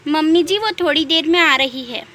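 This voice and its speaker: A woman's voice: sits high, normal speed, sharp tone, a little hiss or hum. A woman voicing an obedient, sweet young daughter-in-law in a doll story, speaking politely and dutifully. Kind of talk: doll story role-play.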